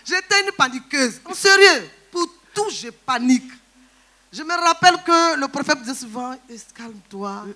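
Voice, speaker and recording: A woman's voice: sits high, animated, bright, forceful tone, slight background noise. A woman giving a personal testimony in a church service, earnest and recounting. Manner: earnest, recounting, quick replies.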